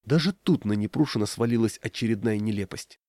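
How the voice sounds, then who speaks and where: A man narrating a story in a measured, ironic way. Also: on the low side, warm tone, no room sound, studio quality. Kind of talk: audiobook storytelling.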